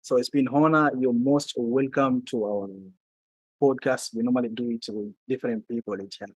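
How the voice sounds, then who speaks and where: A man hosts an interview in a dry, close sound. He talks haltingly, repeating words and filling pauses as he hunts for his questions. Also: mid-range voice, fairly even intonation, dry recording. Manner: hesitant, repeats words, many fillers. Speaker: podcast host. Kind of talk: hosting an interview.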